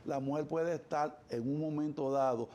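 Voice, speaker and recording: A man's voice: fairly high pitch, steady tone, normal speed, dark tone, slight background noise. A man, a psychologist guest on an interview show, talking animatedly and acting out the voices of the people he quotes. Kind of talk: conversational interview.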